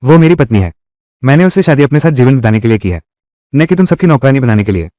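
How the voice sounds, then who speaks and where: A man's voice: medium pitch, animated, quick pace, mellow, no room sound, studio quality, lightly acted. A man voicing a stern young husband who stands up for his wife, in a firm, reproachful manner in dubbed drama dialogue.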